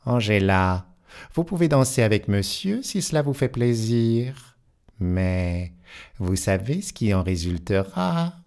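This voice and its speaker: A man's voice: lowish voice, very animated, slow pace, darkish tone, pitched above the performer's own voice, full character voice. A man voicing a mysterious, unseen spirit voice that gives distant, ringing commands in a storybook reading. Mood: commanding.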